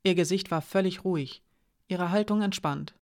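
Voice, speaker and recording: An audiobook narrator reading a fantasy novel in an even, measured storytelling voice. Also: mid-range voice.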